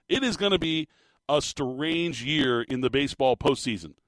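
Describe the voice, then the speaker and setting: American male sports radio host for talk and giveaway promos. Mid-pitched, conversational, colloquial and emphatic, dry studio sound. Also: animated, unhurried, fairly bright tone, dry recording.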